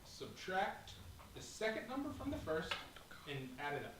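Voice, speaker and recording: A man's voice: high voice, sing-song, moderate pace. A man running a tabletop game as game master, upbeat and laughing, repeating the players' answers back to them. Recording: echoey room, distant mic, noisy.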